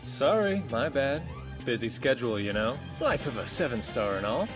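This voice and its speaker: Man acting a cocky, animated anime teenage boy. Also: mid-range voice, moderate pace, over loud music, lightly acted. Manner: casual, taunting, blunt. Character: cocky, blunt teenage boy, top-ranked game player. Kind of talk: anime English dub.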